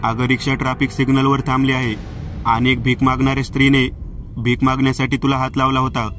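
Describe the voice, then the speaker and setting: A man reading the part of a worried mother soothing her grown daughter, calm and plain. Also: mid-range voice, fast, faint music behind, lightly acted.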